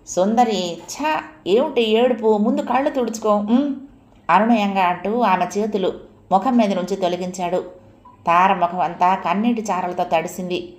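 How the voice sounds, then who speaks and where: A woman narrating a full novel as an audiobook, in a steady, measured storytelling manner. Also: fairly low pitch. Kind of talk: novel reading. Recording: roomy echo.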